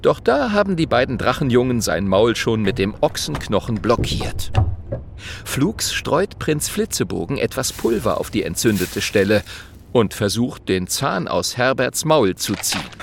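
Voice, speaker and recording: A man narrating a children's audiobook, lively and playing many characters. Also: mid-range voice, creaky, noisy background. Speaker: storyteller.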